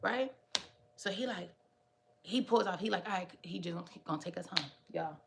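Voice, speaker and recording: A young woman vlogger telling a story in casual, slangy chat, animated and often addressing her viewers directly. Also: lowish voice, normal speed, vocal fry, noisy background.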